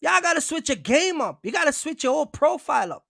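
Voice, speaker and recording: A box truck owner-operator and vlogger with a very high, sing-song voice talks fast, with vocal fry and a sharp tone. He tells stories casually and emphatically in streetwise language, repeating himself and addressing listeners directly, in a dry, studio-quality recording.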